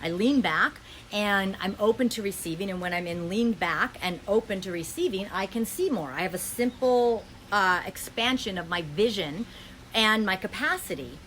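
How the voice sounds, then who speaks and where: A woman hosting a podcast, speaking fast in a flowing spiritual monologue with many ums and restarts, recorded in a friend's home. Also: mid-range voice, animated, a bit bright, slight background noise, poor audio. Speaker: podcast host.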